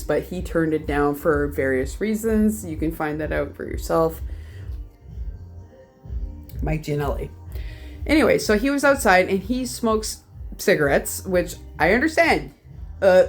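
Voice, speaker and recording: A young Canadian woman telling a rambling, profane convention story in a casual vlog, a little tipsy from whiskey. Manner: rambling, profane, animated jumps in pitch. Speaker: vlogger, horror collector.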